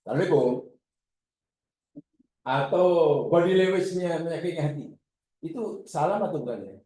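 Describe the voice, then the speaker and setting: A man giving a religious class lecture, animated and acting out his examples. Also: on the high side, a little fast. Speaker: religious teacher. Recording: echoey room.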